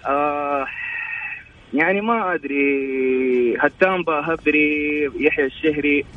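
A man from Jeddah, calling in by phone to argue his points rapidly, over a bad phone connection that keeps cutting out. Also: on the high side. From Jeddah, Saudi Arabia. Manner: rapid, argumentative, stacks points. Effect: bad phone connection that cuts out. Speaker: caller. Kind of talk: phone-in sports opinion. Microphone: phone call. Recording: muffled, cutting-out phone line.

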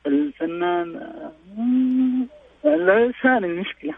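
A man calling into a radio quiz, hesitant and slow to guess the answer. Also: a little high, lively intonation, dry recording, narrow, tinny audio. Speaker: radio caller.

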